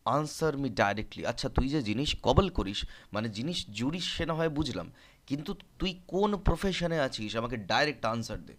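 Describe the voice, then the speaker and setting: A man's voice: medium pitch, big pitch swings, moderate pace. Man explaining a literature lesson. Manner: explanatory, informal, keeps checking understanding. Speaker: teacher.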